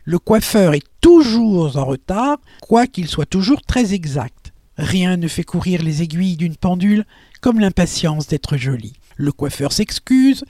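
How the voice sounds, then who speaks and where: A man presenting a radio program, reading prepared texts aloud with lively, theatrical emphasis on the quotations. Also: sits high, no room sound, clean studio sound. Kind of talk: scripted radio narration.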